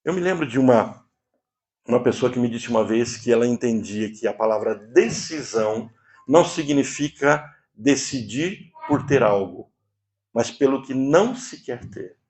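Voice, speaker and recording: A man from Brazil preaching a sermon, moving from low quiet asides to high emphatic lines. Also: animated, moderate pace. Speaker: preacher and therapist.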